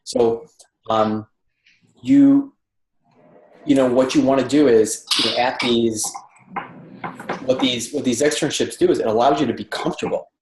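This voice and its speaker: A man's voice: mid-range voice, big pitch swings, a little slow, pauses often, a little mellow, a little hiss or hum. Man giving casual advice in an echoey room. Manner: conversational, repeats and restarts phrases while thinking aloud. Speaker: dental residency interviewer and mentor. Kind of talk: informal advice session with audience questions. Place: home apartment. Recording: roomy, echoey room sound.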